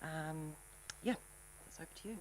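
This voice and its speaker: A woman's voice: sits low, moderate pace, a little hiss or hum, rough recording. Breathless New Zealand woman presenting. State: slightly out of breath. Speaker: council staff presenter. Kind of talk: meeting presentation.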